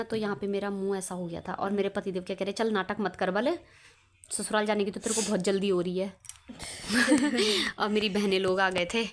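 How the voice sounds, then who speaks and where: A woman's voice: mid-range voice, pushed and bright. A young woman chatting casually as she shows her wedding photos, laughing often and near tears at times. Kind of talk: casual chat.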